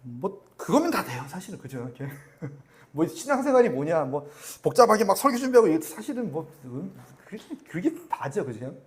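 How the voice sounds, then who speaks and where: Animated male pastor preaching. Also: on the high side, normal speed. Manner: animated, acts out quotes in different voices; asks the congregation for agreement. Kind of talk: Sunday sermon. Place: church service.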